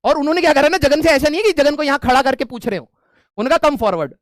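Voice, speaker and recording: A man teacher telling a funny story to his class, animated and laughing often. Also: very high-pitched, fast talker, no room sound, clean studio sound. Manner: animated, laughing, frequent filler checks.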